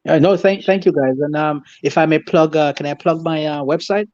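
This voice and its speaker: A man speaking as a guest accountant in a casual chat, talking fast and rambling with restarts. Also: on the high side, steady tone, a little mellow, dull audio.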